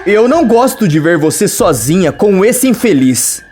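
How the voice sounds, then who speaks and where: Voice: mid-range voice, very animated, normal speed, a little mellow, soft background music, close to an everyday voice. A narrator reading a protective young male hero, worried and indignant.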